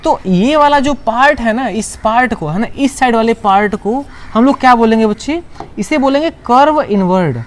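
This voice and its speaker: A man's voice: very high-pitched, expressive, normal speed, slight background noise. A male teacher giving an online class lecture. He asks his students questions, answers them himself, and repeats key words to make them stick.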